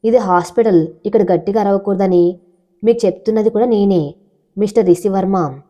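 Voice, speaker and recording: A woman voicing a steady young village woman in a storybook, speaking calmly and firmly. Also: medium pitch, moderate pace, lo-fi sound, lightly acted. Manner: steady, cool, firm. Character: steady village woman in her twenties, calm and firm.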